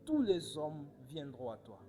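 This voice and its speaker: A man preaching a sermon in short phrases, pausing for his interpreter and rising to emphatic cries. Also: on the high side, huge pitch swings, warm tone, soft background music, poor audio.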